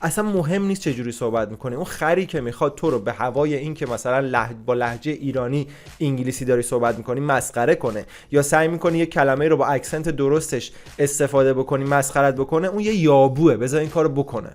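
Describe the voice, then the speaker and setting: A man's voice: medium pitch, a little mellow. A man giving blunt, casual immigration advice, scolding and swearing at times.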